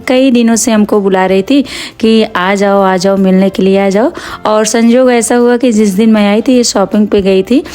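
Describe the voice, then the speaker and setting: A woman's voice: mid-range voice, a little mellow. A middle-aged woman vlogger narrating her day in a casual, chatty way, addressing viewers as friends. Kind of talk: casual vlog narration over home footage.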